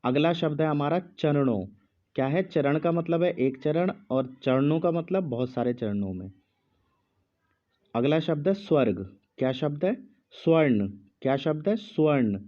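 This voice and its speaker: Male teacher, slow measured dictation, muffled lo-fi sound. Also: on the high side, lively intonation. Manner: speaks slowly with pauses, repeats each word. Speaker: Hindi teacher.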